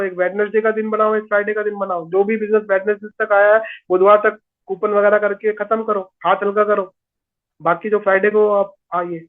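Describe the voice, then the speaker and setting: Man, high voice, motivational trainer, repeats phrases, tinny lo-fi sound. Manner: coaxing, repeats phrases for emphasis. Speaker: network marketing trainer. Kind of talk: motivational business training talk.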